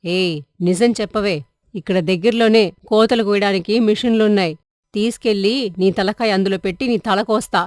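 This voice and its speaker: A woman voicing a suspicious middle-aged housewife who scolds loudly. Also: mid-range voice, fairly even intonation, moderate pace, dry recording, clean studio sound, lightly acted. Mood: angry. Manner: scolding, shouting.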